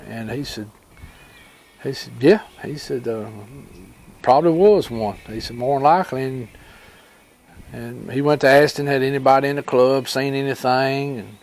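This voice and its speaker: A man with a rural Alabama accent tells personal stories in an informal fireside storytelling style, folksy and rambling, pausing often and recounting who said what. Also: mid-range voice, level tone, gravelly. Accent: Southern US, rural Alabama. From Alabama, United States. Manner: folksy, rambling, with pauses and reported dialogue. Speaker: storyteller and homesteading channel host.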